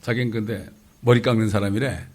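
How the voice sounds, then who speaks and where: A middle-aged man preaching a conversational sermon as a pastor, lively and full of rhetorical questions. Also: lowish voice, fairly quick. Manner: lively, asks rhetorical questions, acts out quotes.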